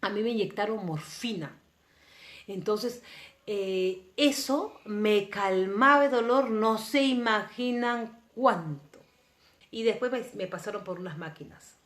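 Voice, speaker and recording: A woman from Peru, telling a personal story to camera in an earnest, emotional way, her volume swinging between soft and intense. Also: mid-range voice, takes it slowly. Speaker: vlogger. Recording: roomy echoing room.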